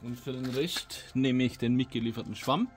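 A DIY video host casually explains a repair job in his indoor home garage workshop, using hesitant fillers. His voice is mid-range at a moderate pace, heard over music. The camera mic picks him up close, then from farther away as he works on the seat.

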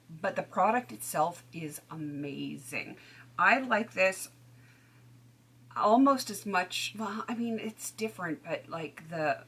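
A woman chatting casually as she reviews used-up beauty products, chatty and self-deprecating, with soft asides. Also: on the low side, slight background noise. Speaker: beauty vlogger.

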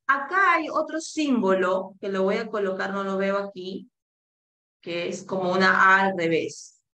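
A woman teaching an English pronunciation class, slowly modeling vowel sounds for students to repeat and slipping between two languages. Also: mid-range voice, bright, forceful tone, reverberant. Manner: slow and deliberate, drawing out each vowel and code-switching to English.

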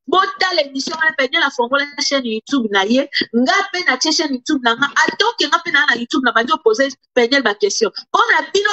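A woman with a high, bright, sharp voice delivers indignant commentary as a YouTuber. She slips between Lingala and French as she talks to camera. The recording sounds dull and lo-fi.

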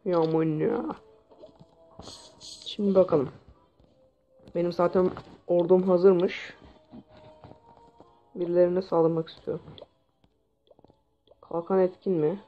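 A man with a sore throat giving excitable gameplay commentary, swearing at the game as he plays. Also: high-pitched, slow pace, pauses often, soft background music. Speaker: gaming channel host. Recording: dull lo-fi mic with faint hiss.

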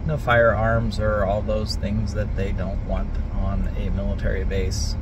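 Low-voiced man vlogging from a car. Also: monotone, unhurried, recorded from a distance, background noise. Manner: upbeat, giving practical tips. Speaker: family travel vlogger. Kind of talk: casual road trip vlog. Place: inside a car. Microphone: camera on the dashboard.

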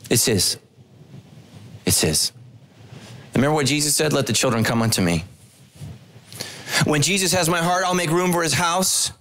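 A middle-aged man preaches from a large church stage into a handheld microphone. His voice sits fairly high, and he tells stories with humorous asides, his pitch climbing and dropping as he goes. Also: normal speed, pauses often. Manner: animated storytelling with humorous asides, pitch swinging widely. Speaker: pastor. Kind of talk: sermon.

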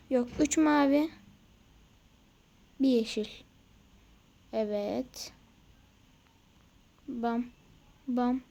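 A woman's voice: high voice, mellow. A young woman talking through a game she is playing, muttering in frustration and making playful sound effects. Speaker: gaming video creator. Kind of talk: casual gameplay commentary.

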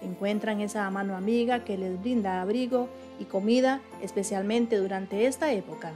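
A woman news reporter reading a scripted voice-over in a measured, clear way. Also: mid-range voice, fairly even intonation, over music.

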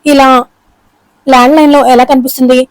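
Woman doing a panicky younger woman yelling for the in-laws, high and quick. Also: little pitch movement, dry recording, close to an everyday voice, rough recording. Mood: worried. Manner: alarmed calling out.

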